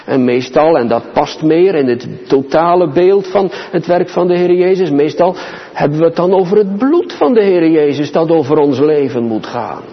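A man preaching a sermon to his congregation, slow and solemn, with dramatic pauses and emphasis. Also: on the high side, lively intonation. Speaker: pastor. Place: church. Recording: dull, reverberant church hall.

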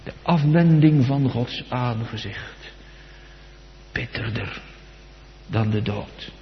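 Male pastor, slow, solemn sermon cadence, swells and sinks, long church echo. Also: creaky, a little hiss or hum. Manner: solemn preaching cadence, swelling loud and high for quoted psalms, dropping low and soft. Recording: dull sound with long church reverb.

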